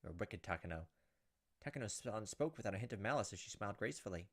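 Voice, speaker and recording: A fairly low-pitched man reads a visual novel at a quick pace for a let's play. His delivery is expressive and theatrical as he acts out the lines, with game music behind him.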